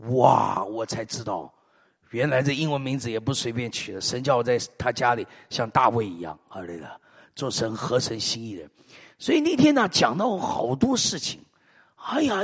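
台湾口音的男牧师，讲道声调起伏大. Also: male voice, medium pitch, moderate pace, husky, long reverb tail. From Taiwan. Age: middle-aged. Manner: animated storytelling with frequent hallelujahs and amens. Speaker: preacher. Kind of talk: sermon.

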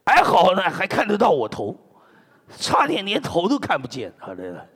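Lively preacher man in echoey hall. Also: sits high, normal speed, husky. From China. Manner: animated, joking preacher who keeps punctuating with amen and hallelujah. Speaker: pastor. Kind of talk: sermon.

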